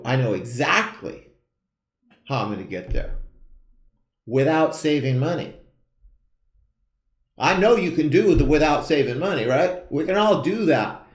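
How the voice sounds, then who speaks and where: Man, 50s, live-show host, emphatic motivational pitch, echoey room. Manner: earnest, emphatic, repeats key phrases. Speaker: financial educator hosting a live show. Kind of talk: motivational sales pitch to camera.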